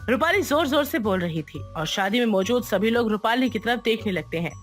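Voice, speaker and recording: A woman narrating an animated moral story in a scripted, expressive storyteller manner. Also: a little high, brisk, faint music behind.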